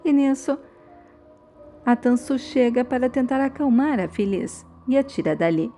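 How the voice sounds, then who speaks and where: A woman recapping a dubbed soap episode, retelling each scene and reading every character's lines in a steady voice. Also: fairly high pitch, unhurried. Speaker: soap-opera recap narrator. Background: faint music.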